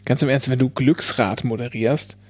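A man's voice: mid-range voice, fairly even intonation, moderate pace, darkish tone. A man chatting casually as a podcast host, hesitant and often restarting his phrases. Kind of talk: casual chat.

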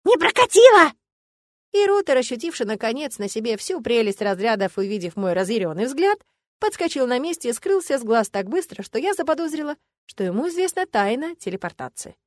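Woman narrator for a first-person fantasy audiobook, high voice, dry close sound. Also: very animated, fairly quick, darkish tone, no echo.

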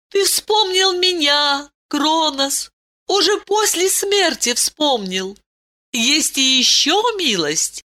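A woman voicing an ancient princess who is stern yet tender and speaks in a high, commanding, sing-song way. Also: bright, forceful tone, full character voice.

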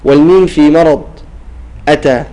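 In a tajweed class on Quran recitation rules, a man with a slightly high, mellow voice explains and demonstrates pronunciations at a moderate pace. He frequently checks in with his students, though the audio quality is poor.

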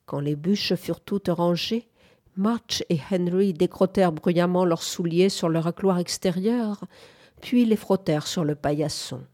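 A woman narrating a literary novel as an audiobook in a measured, even storytelling manner. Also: on the low side.

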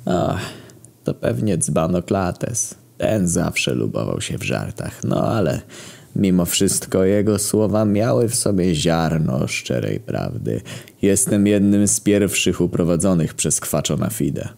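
A man voicing a weary old sculptor with a hoarse voice and slow mournful drawl. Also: deep voice, big pitch swings, a little mellow, heavily acted. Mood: solemn.

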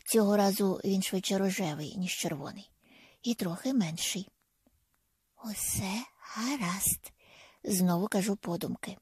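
A woman narrating a first-person audiobook in a soft, intimate manner that often drops to a half-whisper. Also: mid-range voice, moderate pace, husky, no echo, clean studio sound.

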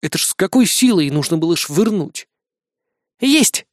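A man's voice: a little high, lively intonation, a little fast, a little mellow, no room sound. A man reading a first-person adventure audiobook in a dry, wry manner. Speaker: audiobook narrator.

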